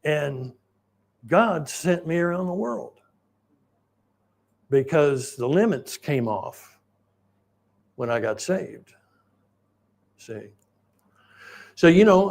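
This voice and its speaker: A man's voice: fairly high pitch, expressive, measured pace, long pauses, darkish tone. Folksy preacher in his sixties. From Oklahoma, United States. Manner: folksy, rambling, often clears throat. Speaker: pastor. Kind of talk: conversational sermon storytelling.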